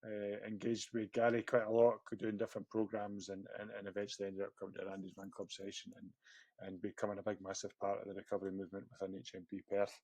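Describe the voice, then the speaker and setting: A Scottish man hosting a podcast interview, talking in a halting way with many restarts and fillers. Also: on the low side, completely flat delivery, a little mellow, no room sound. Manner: hesitant, lots of restarts and fillers. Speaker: podcast host.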